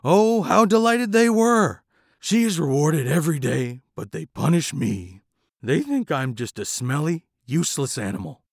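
Guy doing a gravelly loud mutt dog, gruff and scruffy, swings his pitch around. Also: lively intonation, unhurried, no room sound, clean studio sound, heavily acted. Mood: bitter. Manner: loud and barking.

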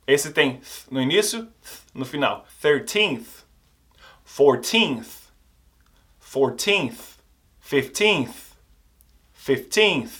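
A man's voice: a little high, fairly bright tone. A Portuguese-speaking man teaching English pronunciation, saying each word twice and exaggerating the sounds. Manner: models each word twice, over-articulated. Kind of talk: pronunciation lesson.

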